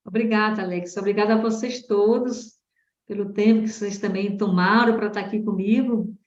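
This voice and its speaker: A woman's voice: mid-range voice, steady tone, normal speed. A woman guest in a casual online chat, reflective and grateful. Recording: echoey muffled audio.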